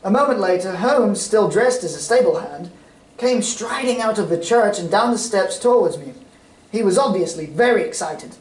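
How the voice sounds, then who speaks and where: A man's voice: sits high, lively intonation, normal speed. Man playing Doctor Watson, distant and echoey. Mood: recounting. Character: loyal, inquisitive doctor, sidekick and storyteller. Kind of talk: old-time radio drama reading on stage. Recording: echoey stage recording, far from mic.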